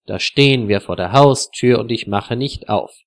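A man voicing a flustered middle-aged hostess in a storybook reading, lifting his voice high and sounding fussy and short of breath. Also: normal speed, vocal fry, natural voice.

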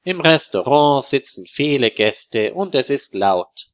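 A man narrating a story for learners in a slow, calm, clearly articulated reading. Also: medium pitch.

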